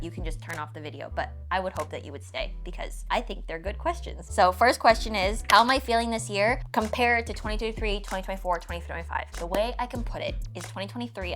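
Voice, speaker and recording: With background music behind her, a Canadian-accented woman of 29 from the Toronto area, who creates fitness content and vlogs, fires off casual Q&A answers to her followers. Her low-leaning, fairly bright voice is informal and punctuated by emphatic, self-deprecating asides.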